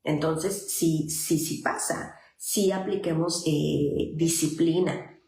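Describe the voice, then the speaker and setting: A woman's voice: low-pitched, steady tone, takes it slowly, creaky, mellow, roomy sound. A woman with a Mexican accent, a psychologist talking earnestly and directly to parents, with many fillers. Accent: Mexican Spanish. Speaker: psychologist giving parenting advice. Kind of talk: informal advice talk to parents.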